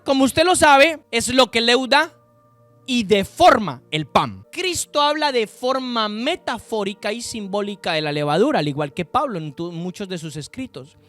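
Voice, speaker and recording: High-voiced man preaching emphatically. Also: fairly bright tone. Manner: slow, emphatic scripture reading with sudden pitch rises and drops; addresses listeners directly. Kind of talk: sermon with Bible reading.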